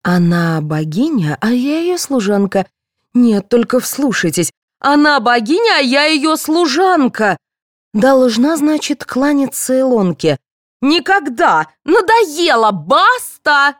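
A woman voicing a rude, indignant young female secretary who shouts and talks back in an audiobook. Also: medium pitch, very animated, moderate pace, few pauses, no room sound, studio quality, pitched above the performer's own voice.

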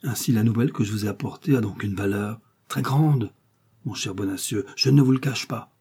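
Brief: male reader as a scheming cloaked stranger, commanding, low and dark-toned. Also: a little fast, breathy edge. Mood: probing.

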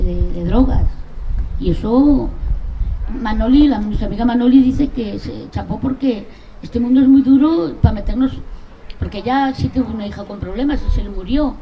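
Blunt spanish woman, high voice, swears a lot, noisy recording from a talk. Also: dull audio. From Spain. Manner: earnest, blunt, swears casually, animated. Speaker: panel speaker, mother of drug-affected children's group. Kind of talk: casual testimony at a public talk.

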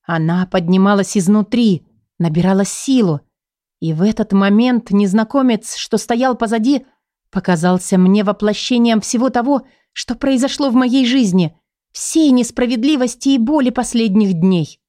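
A woman narrating a first-person audiobook in an expressive, measured way. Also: fairly high pitch, dry recording, clean studio sound.

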